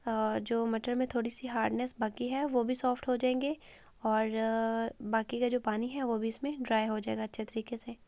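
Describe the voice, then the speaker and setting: Woman cooking-show host, hoarse from a sore throat, calm step-by-step narration with a flat tone. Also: on the high side, no room sound. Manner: calm, step-by-step with frequent "uh" pauses. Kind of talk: recipe voice-over.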